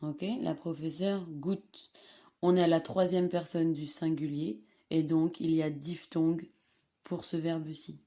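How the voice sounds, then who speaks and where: A woman's voice: deep voice, fairly even intonation, measured pace, dark tone. A woman teaching a slide-based grammar lesson, patiently repeating and stressing each conjugated form. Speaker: Spanish teacher.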